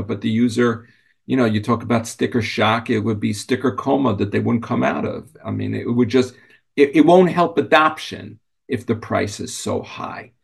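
A man speaking as a company executive in an unscripted interview, with a mid-range, gravelly, husky voice. His delivery is conversational and halting, and he often repeats words.

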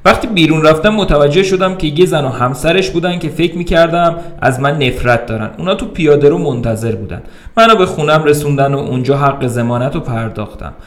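A man's voice: fairly high pitch, animated. A man narrating a first-person short story aloud for a podcast, in a wry, conversational telling.

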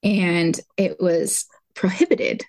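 A woman co-hosting a casual podcast chat, explaining things in a measured, conversational way. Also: fairly low pitch, expressive, darkish tone, no echo. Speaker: podcast co-host.

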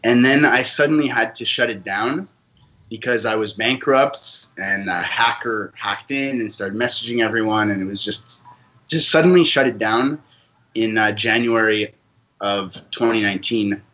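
A man from Canada speaks as a podcast guest. His voice is bright and forceful, a little low in pitch, and he tells his story in an earnest, reflective way. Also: normal speed, rough recording. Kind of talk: casual interview storytelling.

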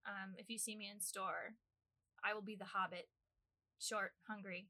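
A woman's voice: mid-range voice, steady tone, moderate pace, sharp tone, no room sound. A woman, a podcast guest, self-deprecating and laughing easily. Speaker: guest, events coordinator. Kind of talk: casual podcast chat.

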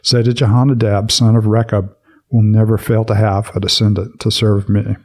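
He speaks at a moderate pace in a fairly low, level, darkish voice. As host of a devotional podcast, he reads scripture and follows it with relaxed reflection that's heavy on fillers when unscripted.

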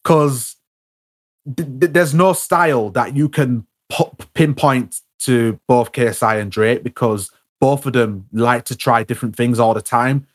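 A man's voice: mid-range voice, measured pace. A young man in a casual chat about music, who stumbles over and repeats his words with lots of fillers.

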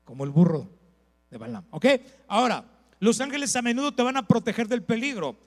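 A man, a pastor preaching a sermon with lively storytelling, repeated phrases and asides to the congregation. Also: extremely high pitch, a little fast, vocal fry, big-room sound.

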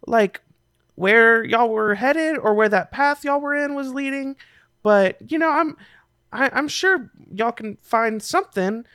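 A man's voice: very high-pitched, unhurried, a bit bright, clear, resonant tone, dry recording, clean studio sound, pitched above the performer's own voice. A man voicing a nervous young boy in a tabletop game, stammering and unsure. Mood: uneasy.

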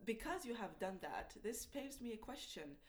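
A woman's voice: fairly high pitch, big pitch swings, normal speed. Woman interviewer asking long questions. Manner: long, carefully built questions with restarts.

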